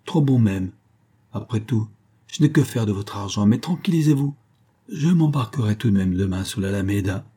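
A man voicing an easygoing half-brother who speaks in a soft, suave way. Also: fairly low pitch, animated, normal speed, breathy edge. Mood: gentle, wry. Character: easygoing islander half-brother, gentle and wry.

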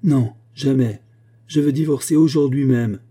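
A man voicing a naive, excitable rustic herdsman in a read-aloud story, speaking in raised, passionate outbursts. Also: mid-range voice, normal speed, husky, voice pushed up. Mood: furious.

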